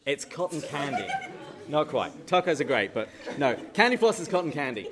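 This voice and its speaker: An Englishman with a fairly high voice, big pitch swings and a normal pace gives a light-hearted parish talk in a hall, with a crowd audible in the background. He jokes and chats as he quizzes the audience, then turns solemn to lead a prayer.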